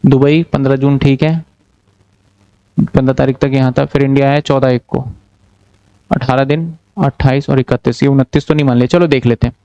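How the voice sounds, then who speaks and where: A man's voice: mid-range voice, fairly even intonation, normal speed, dark tone, no echo, highs cut off. A man teaching a commerce class online, explaining step by step and often checking that students follow. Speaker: commerce tutor.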